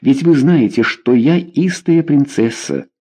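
A man voicing a proud, wounded young queen in an audiobook, speaking softly and wistfully. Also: medium pitch, unhurried, breathy edge, pitched above the performer's own voice.

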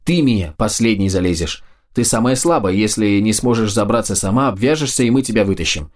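A man's voice: on the low side, animated, a little fast, lightly acted. A man voicing a bossy young woman leader.

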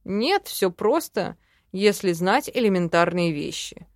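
A woman's voice: medium pitch, expressive, unhurried, no echo. A woman voicing a touchy, condescending young male elf in an audiobook, read close and dry. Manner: condescending, snapping. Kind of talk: audiobook character reading.

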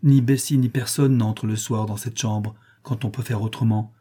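A man's voice: on the low side, steady tone, normal speed, dark tone, slightly rough. A man voicing an indignant orphan girl. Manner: earnest, indignant. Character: proud unhappy orphan girl, about nine.

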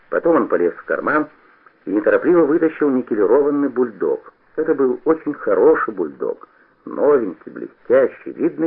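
Husky male reader on an old radio. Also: mid-range voice. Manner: expressive storytelling. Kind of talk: scripted narration. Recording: tinny old radio broadcast.

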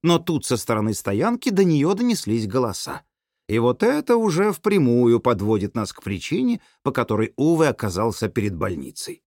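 A man narrating an audiobook in an animated storytelling manner. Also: mid-range voice, moderate pace, no echo, studio quality. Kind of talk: scripted narration.

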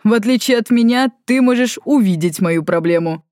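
A woman's voice: fairly high pitch, expressive, moderate pace, a little mellow, dry recording, voice pushed up, close to an everyday voice. A woman voicing Valifor, a red-haired male demon with a dry, teasing manner. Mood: wry.

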